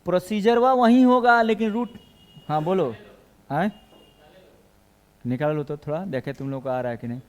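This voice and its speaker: A man with a high voice teaches a math class in a classroom. He works through each equation step by step and keeps putting questions to his students. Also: moderate pace, pauses often. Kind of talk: classroom lecture.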